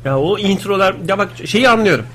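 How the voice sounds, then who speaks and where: Man, radio co-host, rapid chatter, slightly high voice, joking banter. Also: expressive, pushed and bright, a little hiss or hum. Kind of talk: casual live radio chat.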